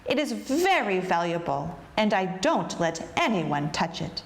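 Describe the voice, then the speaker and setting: A woman performs an old storybook witch who is firm and instructive. Her delivery is slow and emphatic, with melodic, widely swinging pitch. The room adds noticeable echo. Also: big pitch swings. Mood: firm, instructing. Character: old village witch woman, strict, sing-song spell chanter. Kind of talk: children's storybook character voice.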